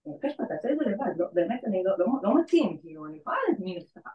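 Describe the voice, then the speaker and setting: A woman's voice: mid-range voice, muffled recording. A woman who works in legal aid, telling a story in casual chat and acting out the voices of the people in it. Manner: animated, acts out quoted voices. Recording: echoey room from far off.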